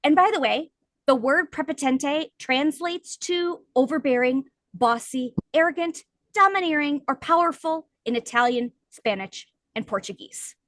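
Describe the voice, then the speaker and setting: Woman, high pitch, dry close sound, casual podcast chat, emphatic explaining. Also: normal speed, dry recording. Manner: explains at length, lively and emphatic. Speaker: podcast co-host. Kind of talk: casual book-discussion chat.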